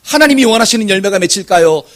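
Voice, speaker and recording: A man's voice: high-pitched, fast talker. A man preaching a Sunday sermon to his congregation. He often asks them questions and guides them through reading scripture aloud. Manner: lively, animated delivery with shouted examples. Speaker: pastor. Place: church sanctuary.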